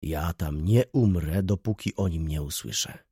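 A man voicing a calm, steadfast old father who speaks with quiet certainty. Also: lowish voice, normal speed, slightly rough, no echo, studio quality.

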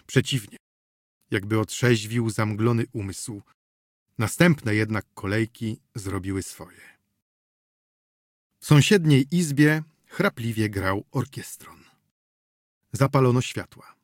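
A man narrating an audiobook in a steady reading voice. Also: lowish voice, slow pace, pauses often, no room sound, clean studio sound.

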